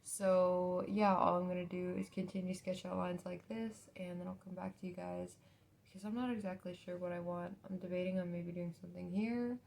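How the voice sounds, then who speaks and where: A young woman with a lowish, gravelly fry walks through a makeup tutorial in a casual, unpolished way. Her intonation stays fairly flat, and she speaks with a mouth still healing after wisdom teeth removal. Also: moderate pace. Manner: informal, apologetic, thinking aloud. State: mouth recovering from wisdom teeth removal a few days earlier.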